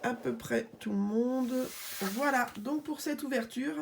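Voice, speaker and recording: A woman's voice: on the high side, unhurried, creaky, slight background noise. A woman vlogger chatting casually while unboxing small toys, hesitant and full of filler sounds, joking about herself, recorded close on a phone at home. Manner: self-deprecating, playful. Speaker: family channel vlogger. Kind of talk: casual toy unboxing chat. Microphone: phone filming close up.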